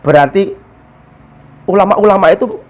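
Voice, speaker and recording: A man's voice: high-pitched, normal speed. A man, a religious teacher explaining a story in casual talk and quoting Arabic texts. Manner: storytelling, mixes Arabic quotes with explanation, animated.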